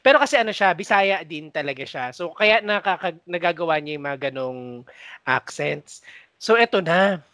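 A woman's voice: fairly low pitch, animated, normal speed, fairly bright tone, no room sound. Chatty Filipino woman, podcast co-host. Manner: laughs often, mimics coworkers. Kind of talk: casual storytelling chat.

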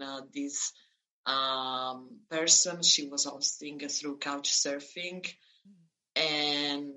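An Italian-born woman in her thirties talks slowly and hesitantly, full of fillers and restarts. Her voice sits a little low but sounds bright and forward. She is a guest in an easygoing interview. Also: low-quality recording. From Italy. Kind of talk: conversational interview.

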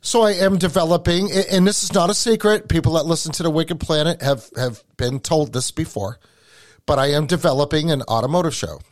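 A podcast host with a New England accent chats in an animated, casual way, often repeating words as he begins a thought. His voice runs on the high side and a little fast, recorded dry in a clean studio.

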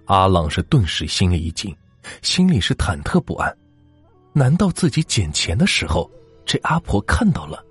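A man's voice: deep voice, wildly swooping pitch, normal speed, breathy edge, no room sound, faint music behind. A man narrating a ghost story in a dramatic, suspenseful way.

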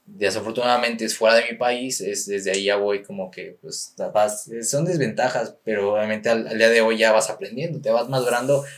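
A young man with a Mexican accent, a boxer being interviewed, talking in a relaxed, rambling way with many fillers. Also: fairly low pitch, brisk, hardly any pauses. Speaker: guest, professional boxer. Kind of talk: casual interview chat.

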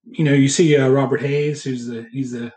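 A man's voice: medium pitch, steady tone, normal speed, darkish tone. A man hosting a casual film chat in a hesitant, rambling way. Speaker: podcast host. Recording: echoey, roomy sound.

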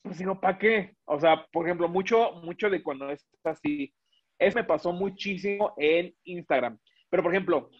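Male guest, chatty and rambling, fairly high voice, dull lo-fi audio. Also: normal speed, breathy edge. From Mexico. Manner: rambling, many restarts and fillers. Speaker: guest, illustrator and animator. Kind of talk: casual interview chat.

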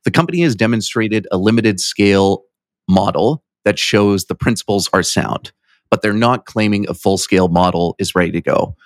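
A man with a lowish voice hosts a casual interview. He asks in an informal, curious and slightly self-deprecating way, recorded dry with little room sound. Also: normal speed, dry recording. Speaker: interviewer, podcast host.

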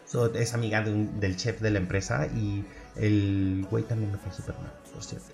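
A young Mexican man casually telling stories about bad bosses, animated, with mocking high voices for the bosses. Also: normal speed, creaky, faint music behind. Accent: Mexican Spanish. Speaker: social media manager. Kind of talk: casual storytelling rant.

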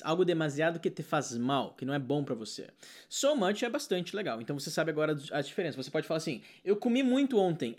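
A man teaching an online English lesson, talking in an energetic, excitable way. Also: on the high side.

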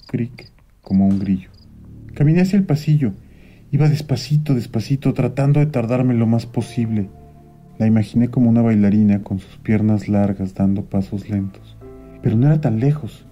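A man, reading a children's story aloud in an expressive, animated way. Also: on the low side. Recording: dull lo-fi sound with faint music.

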